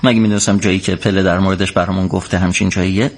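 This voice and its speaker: A man's voice: deep voice, level tone. A man dubbing a caring young man who speaks to his partner in a soothing, reassuring way. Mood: gentle. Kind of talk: dubbed film acting.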